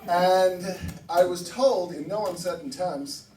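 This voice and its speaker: A man from Barbados doing a stand-up set, animated and swearing, with sudden loud outbursts. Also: high-pitched, slow, a crowd in the background. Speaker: stand-up comedian. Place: comedy room with laughing audience. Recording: roomy echo, mic heard from a distance, noisy.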